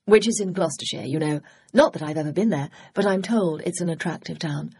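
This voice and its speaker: Lady doing a giggly girlish hostess in an audiobook, chatty and gushing, husky gravelly voice. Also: lowish voice, fairly quick, darkish tone. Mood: chirpy.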